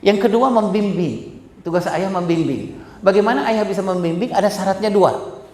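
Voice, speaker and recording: A man's voice: high voice, moderate pace, darkish tone. A middle-aged man gives a parenting seminar talk, speaking straight to the audience and often poking fun at himself. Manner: addresses audience directly, frequent self-deprecating humor. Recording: echoey hall.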